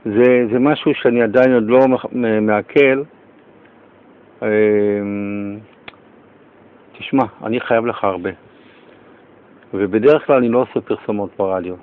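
A male radio host telling a story in a lively, excitable way while he interviews a guest. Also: lowish voice, long pauses, phone-quality sound.

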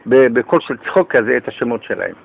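Male radio host: lively, excitable storyteller, average pitch, muffled lo-fi broadcast sound. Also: gravelly, breathy edge. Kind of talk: radio interview.

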